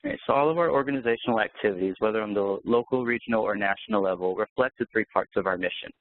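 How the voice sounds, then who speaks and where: A young man with a lowish voice, speaking quickly through a scripted presentation. The audio is dry and close. It has the thin, narrow sound of a phone line. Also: no room sound. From Hawaii, raised in North Carolina. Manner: brisk and scripted. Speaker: medical student presenter. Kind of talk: prepared presentation.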